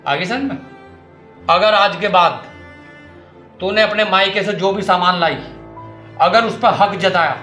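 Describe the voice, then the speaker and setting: A man's voice: sits high, fairly bright tone. An actor playing a young husband who sternly lectures his wife to respect his elder brother, in a scripted family comedy scene. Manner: scolding, lecturing, insistent.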